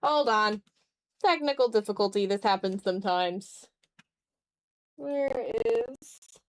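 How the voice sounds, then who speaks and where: Hosting an art stream, this woman talks slowly in a mid-range voice. Her chat is informal and runs alongside her drawing, broken up by frequent muttering to herself.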